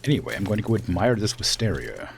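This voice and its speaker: Low-voiced man with swooping intonation, gaming. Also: big pitch swings, quick pace, creaky, slight background noise. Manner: rambling, thinking aloud. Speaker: game streamer. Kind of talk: casual gameplay commentary.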